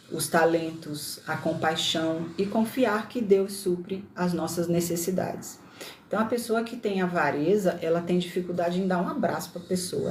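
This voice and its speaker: This livestream host from Brasília, whose Brazilian Portuguese accent is slightly mixed, chats casually with many tag questions and self-corrections. Her voice is lowish and somewhat dark, picked up with roomy echo and slight background noise.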